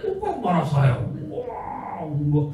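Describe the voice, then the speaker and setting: A man preaching at a church seminar, telling stories loudly and acting out the voices of the people in them. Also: on the high side, slow pace, far from the mic. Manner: animated, acts out voices of people in his stories; loud, forceful preaching. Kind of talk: storytelling sermon at a church seminar. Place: church hall. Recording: very echoey hall, voice from off-mic.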